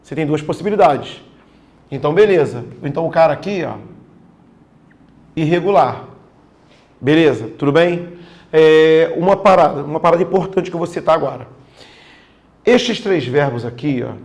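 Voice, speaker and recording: A man's voice: a little high, darkish tone. A man teaching a grammar lesson for exam prep in a casual, slangy way, often checking in with his students.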